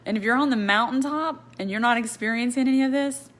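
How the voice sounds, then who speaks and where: A woman's voice: on the high side, quick pace. Earnest woman sharing a devotional. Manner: earnest, confiding, reads a prayer aloud. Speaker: faith vlogger. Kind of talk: casual devotional talk to viewers.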